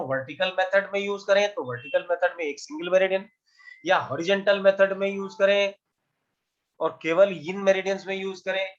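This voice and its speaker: A man teaching an acupuncture class, quizzing his students with quick questions and mixing Hindi with English. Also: sits high, highs cut off. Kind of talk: online class lecture.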